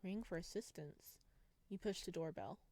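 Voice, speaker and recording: A gaming video creator reads a visual novel aloud casually while playing, tossing in playful asides of her own. Her voice is fairly low and darkish, at a normal speed, with no room sound.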